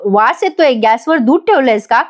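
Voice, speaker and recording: A woman's voice: high voice, lively intonation, moderate pace. A woman voicing a stubborn, playful young husband who speaks in an irritable, snappy way. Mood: irritable, teasing.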